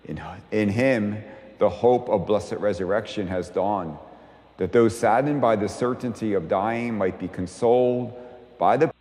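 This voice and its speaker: A priest leading Mass aloud in a slow, solemn and measured way, his voice ringing in a cathedral echo. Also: on the low side, dark tone. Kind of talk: chanted liturgical prayer at Mass. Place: large church. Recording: long cathedral echo, faint background noise.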